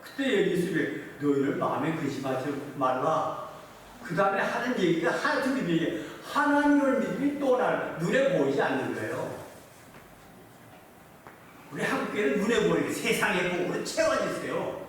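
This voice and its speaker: A man's voice: high-pitched, sing-song, moderate pace, fairly bright tone. A man preaching a sermon as pastor, often putting yes-or-no questions to the congregation. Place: church sanctuary. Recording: echoey hall, voice from far off, faint noise.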